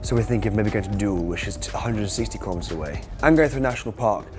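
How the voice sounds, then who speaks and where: With a lowish voice and rapid-fire delivery, a British twenty-something from the United Kingdom records a casual travel vlog on a lapel mic, joking and poking fun at himself through outdoor stops and hotel stays on a road trip. Music plays underneath.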